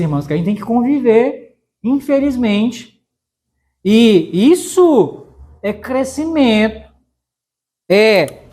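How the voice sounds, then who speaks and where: A man's voice: high voice, a little mellow. A male missionary preacher giving a conversational Bible study in a church, talking folksily to the congregation and often asking them to confirm his points. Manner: folksy, addresses listeners as brothers with frequent tag questions. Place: church sanctuary.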